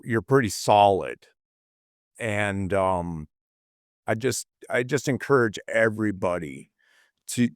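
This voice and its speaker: A man co-hosting a motivational talk, earnest and full of fillers and restarts, a little hoarse as he loses his voice. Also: fairly low pitch, no echo, clean studio sound. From California. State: losing his voice a bit. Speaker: podcast co-host.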